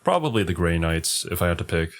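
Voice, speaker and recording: Man, low-pitched, casual streamer commentary, chatty reactions, short agreeing interjections. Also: sing-song, quick pace.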